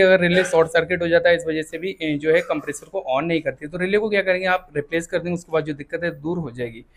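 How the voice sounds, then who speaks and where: Guy with a high voice walking you through a repair step by step, keeps checking in. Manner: explains step by step, often checks in with "thik hai". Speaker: repair instructor. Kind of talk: hands-on repair tutorial.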